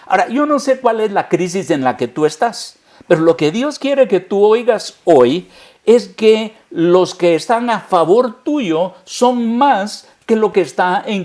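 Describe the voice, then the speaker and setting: A man's voice: high-pitched, darkish tone. A man, a pastor, preaching a sermon earnestly and speaking straight to the listener.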